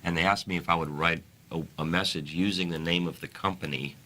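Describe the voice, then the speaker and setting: A man with a notably low voice and a bright, forceful edge. He talks as an interview guest in an earnest, halting way, often restarting his sentences. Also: steady tone. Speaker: guest author. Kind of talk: interview talk.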